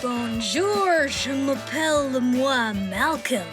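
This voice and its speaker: Malcolm, a cheerful English schoolboy, stumbles through French in a high, lively voice with a slow, careful pace and a clear English accent. His words come out in a halting jumble of French and English. Bright cartoon music plays behind him. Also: heavily acted. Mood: polite, eager. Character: English exchange boy Malcolm, polite, mangles French.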